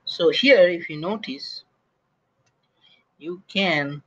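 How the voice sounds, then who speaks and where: A man walking through software on a screen recording, talking casually and thinking aloud with plenty of restarts and fillers. His voice sits a little high for a man. The audio is dull and lo-fi. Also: very slow, slightly rough. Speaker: SAP instructor.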